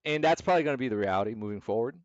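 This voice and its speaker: A man's voice: mid-range voice, expressive, very fast, no echo. Rambling man hosting a market talk. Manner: rambling, repetitive, restarts often, acts out quoted emotional traders. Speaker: investment club host. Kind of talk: casual livestream market commentary. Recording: dry, slightly dull home mic sound.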